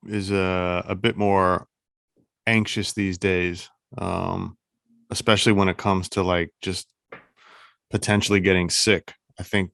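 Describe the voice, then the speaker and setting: Very low gravelly man chatting. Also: a bit bright, no echo, studio quality. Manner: laid-back, slangy, restarts phrases. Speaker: podcast co-host. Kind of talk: casual chat.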